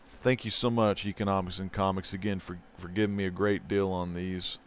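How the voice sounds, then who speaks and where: A man hosting a casual comic book haul vlog, chatty and excitable, swinging from loud bursts to mumbled asides. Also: low-pitched, brisk, a little hiss or hum. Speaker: host.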